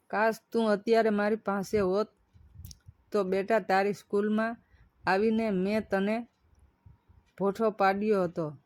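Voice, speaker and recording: A woman's voice: mid-range voice, darkish tone, no echo, close to an everyday voice. A woman narrator voicing a loving, self-sacrificing old village mother who speaks to her son with tender pleading.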